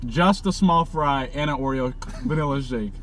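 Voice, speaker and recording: A man's voice: medium pitch, normal speed, fairly bright tone, slight background noise. A young man ordering casually from inside a car, hesitant, repetitive and vague. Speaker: prankster customer ordering from a car. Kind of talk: casual, stalling back-and-forth. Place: inside a parked car at a drive-thru. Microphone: camera on the passenger side.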